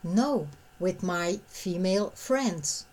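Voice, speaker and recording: A woman narrating a scripted language lesson, reading short phrases and translations in a measured, clearly separated way. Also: lowish voice, expressive, darkish tone, rough recording.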